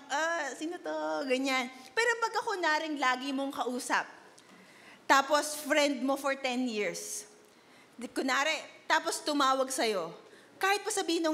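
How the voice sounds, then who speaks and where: A woman's voice: sits high, sharp tone. A young woman from the Philippines giving a chatty youth sermon, asking rhetorical questions and mixing Filipino with English. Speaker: youth worship speaker. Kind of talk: conversational sermon. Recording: long hall reverb.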